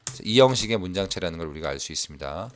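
Chatty male English teacher, lively pitch. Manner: reads English example lines slowly and emphatically, then explains in a chatty way; frequent fillers like 자 and 오케이. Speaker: English teacher at a cram school. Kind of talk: classroom lecture explaining a textbook dialogue.

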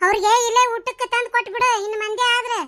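Shrill teasing village aunties. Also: female voice, flat delivery, fast, bright, forceful tone. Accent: North Karnataka Kannada. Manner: bossy, teasing, gossipy. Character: chatty, teasing village women at a wedding. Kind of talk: cartoon voice acting.

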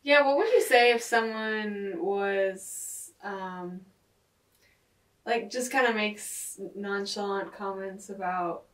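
Woman co-host, mid-pitched, relaxed questioning tone, echoey room with a distant mic. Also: slow pace. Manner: relaxed, questioning, short replies. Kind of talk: casual podcast chat.

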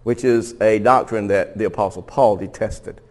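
A man's voice: fairly low pitch, fairly even intonation, moderate pace, darkish tone. Conversational male pastor teaching. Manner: conversational, laughs often, restarts and stumbles. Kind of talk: sermon teaching.

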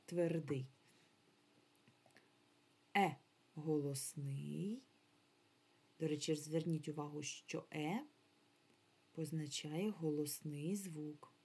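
Woman, primary teacher, remote lesson for small kids, low bright husky voice, slow careful syllable-by-syllable speech. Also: steady tone. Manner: patient, encouraging instruction. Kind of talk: remote lesson for young children.

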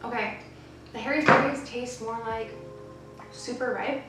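Higher-voiced woman talking with her mouth half full. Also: unhurried, recorded from a distance. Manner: relaxed, fills with "like". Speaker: taste tester. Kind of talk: casual taste-test chat. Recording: echoey room, away from mic, music. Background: background music.

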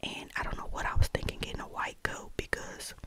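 An American woman speaks in a soft, breathy whisper, as if right in your ear. She chats casually and without hurry in an ASMR vlog style, very close to the microphone. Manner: unhurried, chatty, close-up talking. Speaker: vlogger. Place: bedroom, indoors. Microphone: small desktop condenser mic held close.

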